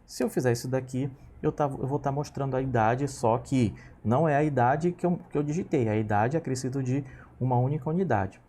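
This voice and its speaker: A man in his thirties teaches programming in a screen recording, going patiently step by step and checking on his students. His medium-pitched voice has a dark tone and a slightly fast pace, over a faint hiss or hum.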